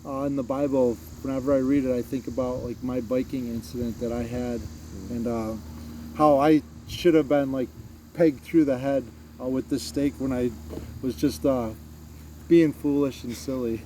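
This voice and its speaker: A man hosting a vlog, reading a Bible passage aloud and chatting about it in a halting way with many fillers. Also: mid-range voice, fairly even intonation, dark tone, a little hiss or hum, rough recording. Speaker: vlog host. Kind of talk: casual Bible reading and chat.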